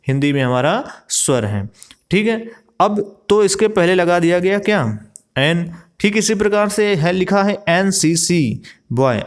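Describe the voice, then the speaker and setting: Slow, repetitive grammar teacher, man. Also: a little high. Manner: repeats rhetorical questions and "ठीक है" while explaining; spells out words letter by letter slowly. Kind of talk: classroom lesson explaining English grammar in Hindi.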